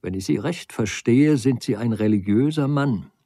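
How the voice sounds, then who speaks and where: A man reading the lines of a quick-tempered male doctor who speaks sharply and indignantly in a storybook. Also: medium pitch, dark tone, breathy edge, no room sound, studio quality, voice pushed up.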